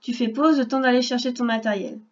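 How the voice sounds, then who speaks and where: A woman teaching a reading lesson to young children, speaking slowly and clearly and spelling out sounds patiently. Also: fairly high pitch, steady tone, muffled recording. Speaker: primary school teacher.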